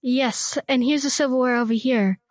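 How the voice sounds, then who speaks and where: A woman's voice: high voice, fairly even intonation, normal speed, no room sound, close to an everyday voice. A woman playing an eager young police sidekick.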